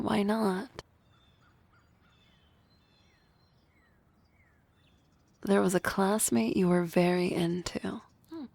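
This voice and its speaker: Fully in character, a woman portrays an energetic harpy girl from class in an ASMR roleplay, teasing in hushed tones and often whispering. Her mid-range voice comes across gravelly and husky, with no room sound.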